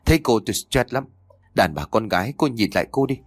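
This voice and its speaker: An arrogant, cold husband, voiced by a male narrator, speaking with clipped contempt. His pitch swings widely, and the sound is dry and close. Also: animated, brisk, no echo. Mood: contemptuous. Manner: contemptuous and hissing through teeth.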